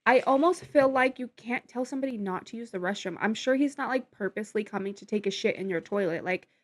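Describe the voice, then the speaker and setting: A woman's voice: a little high, fast talker. A woman co-hosting a casual podcast, reading listener posts aloud and reacting with blunt, joking comments. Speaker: podcast co-host.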